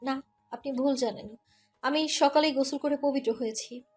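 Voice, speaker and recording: Lady doing a sad young wife, high pitched and holding it together, audio drama. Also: moderate pace, a little mellow, faint music behind, close to an everyday voice. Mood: strained. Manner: restrained, strained. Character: young wife, sad but trying to sound firm. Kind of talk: Bengali audio story acting.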